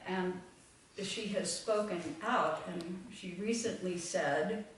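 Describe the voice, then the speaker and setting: A woman's voice: on the low side, slow pace, slight background noise. A woman leading a full moon meditation group, talking reflectively to a live audience and meandering with many fillers. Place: meeting room with audience. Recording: echoey room, far from mic.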